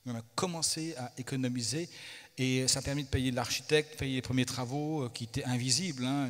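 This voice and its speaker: Animated preacher in a reverberant hall. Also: male voice, mid-range voice. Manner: animated storytelling, many restarts. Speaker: pastor. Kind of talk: sermon teaching. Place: church hall. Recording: long church hall reverb.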